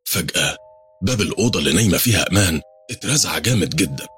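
Egyptian guy telling a horror story fast, deep raspy voice, soft music behind. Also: expressive. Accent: Egyptian Arabic. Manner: tense, dramatic telling. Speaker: narrator. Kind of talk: first-person horror story narration.

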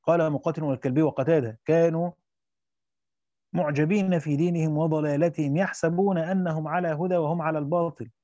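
A man with a slightly high but dark, mellow voice reads classical text at a brisk clip, breaking off into loose colloquial explanations. The sound is dry and somewhat dull, with no room around it. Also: fairly even intonation, no echo. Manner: reads quickly in classical Arabic, then breaks into colloquial asides with restarts. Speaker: teacher reading through a Quran commentary. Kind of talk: reading a classical text aloud with spoken asides.

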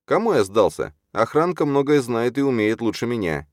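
A man's voice: medium pitch, big pitch swings, moderate pace, no echo, clean studio sound, pitched above the performer's own voice, lightly acted. A man doing a proud young sorcerer. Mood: firm. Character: young male sorcerer, proud and quick-tempered. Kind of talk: audiobook character voice.

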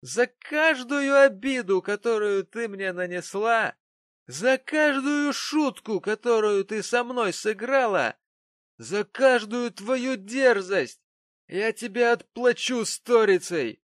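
A man doing a spiteful, drunken young husband in a storybook reading, with a high, strained voice that drags out its sneers. He speaks slowly and with contempt, close and dry. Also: gravelly, a bit bright, no echo, heavily acted. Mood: gloating. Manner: snarling, contemptuous. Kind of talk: audiobook character voice.

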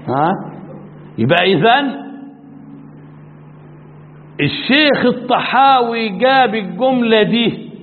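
A man's voice: very high-pitched, expressive. Egyptian sheikh quizzing his students. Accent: Egyptian Arabic. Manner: quizzes students often, drawls key words slowly for emphasis. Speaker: sheikh teaching a class. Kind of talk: religious lecture to students. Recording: tinny lo-fi recording in a reverberant hall with faint noise.

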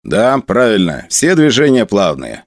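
A man voicing a calm older male flight instructor who gives steady, unhurried guidance. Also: on the low side, no room sound, heavily acted.

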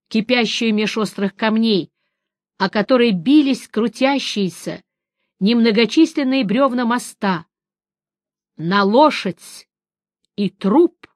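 Measured woman reading a fantasy audiobook. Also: medium pitch, no echo, studio quality. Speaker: audiobook reader.

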